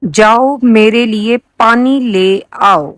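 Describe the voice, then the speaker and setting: A woman reading short example sentences aloud in a lesson, in a flat, even tone. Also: fairly high pitch, no room sound, studio quality. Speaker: prompt reader.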